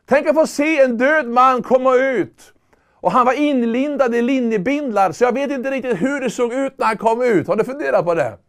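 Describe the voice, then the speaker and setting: A man preaching a sermon in an earnest, emphatic way, at times rising to loud calls. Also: very high voice.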